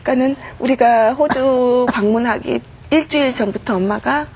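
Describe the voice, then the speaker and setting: Woman guest, middle-aged, slightly high voice; earnest storytelling testimony, faint background hum. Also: normal speed, a little mellow. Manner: earnest storytelling, acts out quoted prayers and dialogue.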